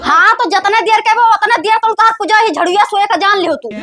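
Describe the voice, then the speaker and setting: A woman's voice: very high-pitched, brisk, a crowd in the background. A woman playing a bossy, nagging young village wife in a comedy skit, talking demandingly in an Awadhi accent. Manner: scolding, demanding rustic talk.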